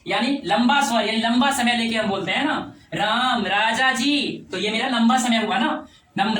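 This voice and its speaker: A man with a fairly high voice teaches a grammar lesson, repeating terms and asking rhetorical questions. He sounds distant from the mic in a roomy space. A faint hiss sits behind him. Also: fairly bright tone. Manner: repetitive, drawn-out explanations with rhetorical questions.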